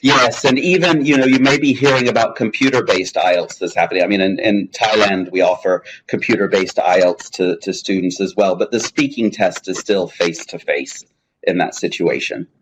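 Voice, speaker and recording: A low-pitched man speaks at normal speed over a rough recording with slight hiss or hum. As a guest speaker on language testing in a webinar, he answers questions in a chatty, joking way, often restarting his sentences.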